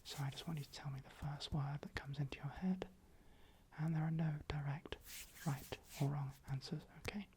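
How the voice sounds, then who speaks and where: Someone in a whispered role-play as a calm, attentive clinic assessor, giving instructions softly and breathily and gently repeating phrases. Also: medium pitch, normal speed, slight background noise. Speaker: ASMR performer.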